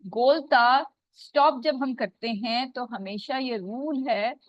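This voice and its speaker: A woman with a slightly high voice teaches Quran recitation rules during an online lesson, walking through them step by step. She draws out the Arabic words as she recites them. The recording is dull, dry, and lo-fi, with no echo.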